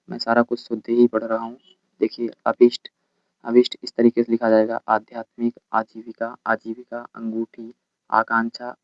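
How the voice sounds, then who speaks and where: Flat-voiced man reading exam word lists. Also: medium pitch, no room sound, muffled recording. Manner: reads word lists rapidly. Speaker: teacher. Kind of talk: exam coaching lesson.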